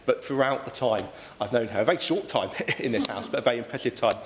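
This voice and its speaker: A British man giving an earnest, measured and wordy speech as a member of parliament in a formal debate. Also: mid-range voice. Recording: echoey room, faint background noise.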